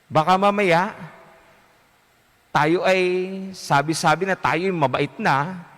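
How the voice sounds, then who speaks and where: A male Filipino priest with a Filipino accent delivers a homily, easing in with a humorous story and switching between Tagalog and English. His voice sits high for a man. The sound carries a long church reverb. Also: slow pace, fairly bright tone. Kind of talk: sermon.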